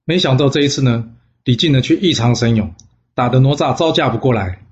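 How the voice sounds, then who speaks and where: Male storyteller, folksy narration, mid pitch, slightly dull recording. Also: slight background noise. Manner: folksy, with frequent filler pauses.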